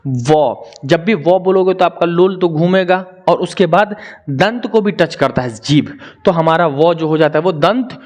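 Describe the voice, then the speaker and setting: Young man, a teacher with a slightly high voice, drilling sounds one by one. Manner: drills sounds slowly, repeating syllables; asks viewers to comment and answer. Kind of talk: Hindi grammar lesson.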